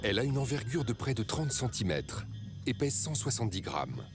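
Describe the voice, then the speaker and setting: A man's voice: medium pitch, big pitch swings, normal speed. Man, nature documentary narrator, varied intonation, dramatic storytelling, scripted delivery, music behind the voice.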